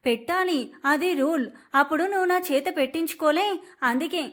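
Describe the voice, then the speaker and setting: A woman's voice: sits high, normal speed. A woman narrator voicing a playful, childish young husband who teases his new wife in mock-pompous tones. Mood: teasing. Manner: mock-pompous, teasing, shouting in jest.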